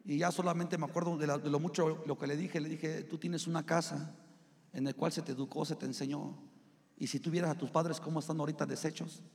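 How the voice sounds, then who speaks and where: High-voiced Mexican pastor preaching in a hall. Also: male voice, level tone, fairly quick, a little mellow. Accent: Mexican Spanish. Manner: conversational preaching, addresses listeners as brothers. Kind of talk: sermon with personal story. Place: church sanctuary. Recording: long hall reverb.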